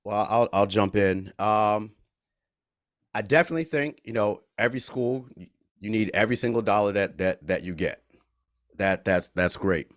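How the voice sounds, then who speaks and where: Educator panelist, man; dry close sound, fast and emphatic with repeated words over a video call. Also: on the low side, dry recording. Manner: quick, emphatic, repeats words when stressing points. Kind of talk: panel discussion remarks.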